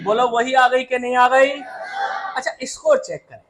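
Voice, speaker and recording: A man teaching a math lesson in a classroom, lively and always asking the students to answer aloud, calling them "beta". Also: very high voice, normal speed, background noise. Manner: calls students "beta" and "babu".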